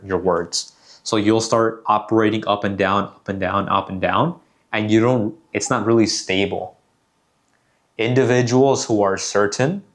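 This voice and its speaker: A man coaching on sales calls in a measured, deliberate way, repeating key phrases for emphasis. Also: lowish voice. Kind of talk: instructional talk.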